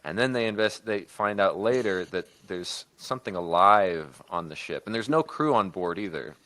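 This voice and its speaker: A man co-hosting a podcast improvises a story pitch in casual creative discussion, halting and often backtracking to reword mid-sentence. His deep voice is animated, pushed and bright. The recording is low quality with no room sound.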